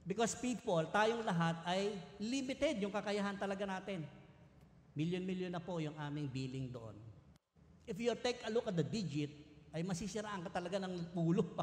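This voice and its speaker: A man with a Filipino accent preaching a sermon, earnest and emphatic, moving between Tagalog and English. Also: sits high. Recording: echoey hall with long reverb.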